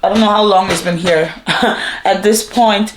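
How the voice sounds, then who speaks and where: A woman's voice: medium pitch, fairly even intonation, normal speed, echoey room, slight background noise. Chatty young woman vlogging at home. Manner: rambling, chatty, full of fillers. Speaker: vlogger and student. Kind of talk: casual vlog chat to camera. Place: apartment indoors.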